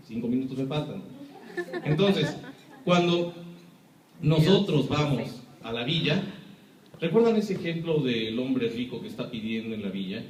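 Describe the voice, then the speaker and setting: A man's voice: on the high side, a little hiss or hum. A man with a Mexican accent giving an impassioned public talk, emphatic and full of rhetorical questions. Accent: Mexican Spanish. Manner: emphatic, rhetorical questions, acts out quoted voices. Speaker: lecturer. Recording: echoey room, speaker far from mic.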